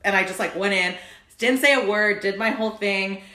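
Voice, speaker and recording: Woman co-host, bright and chatty, loose casual talk, roomy echo. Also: mid-range voice, a little fast. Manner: chatty, heavy use of "like", swears freely. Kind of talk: casual chat.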